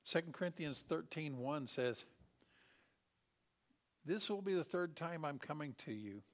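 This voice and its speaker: A middle-aged man preaching a sermon, telling Bible stories with animated delivery and acting out the characters. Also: fairly high pitch, a little slow.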